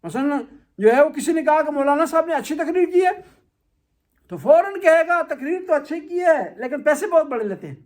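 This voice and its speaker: A man's voice: very high-pitched, expressive, darkish tone. A male Shia cleric giving a conversational religious talk, lecturing through anecdotes and rhetorical questions.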